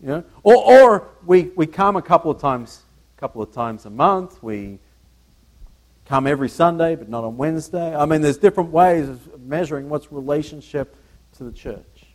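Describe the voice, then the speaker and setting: A man preaching a conversational sermon to a congregation, working through slides, often halting and repeating words and putting questions to his listeners. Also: on the high side, expressive, darkish tone. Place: church.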